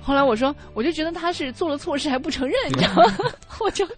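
A woman from southern China with a southern Chinese accent, co-hosting a radio chat show and telling stories in an animated way, laughing often. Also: sits high, fast talker, loud music behind the voice. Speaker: radio co-host.

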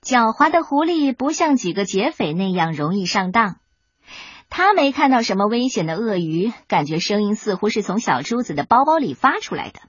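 Breathy, expressive woman storyteller. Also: medium pitch, normal speed, no room sound. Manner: lively, expressive reading. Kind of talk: storybook narration. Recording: dull lo-fi recording, faint music.

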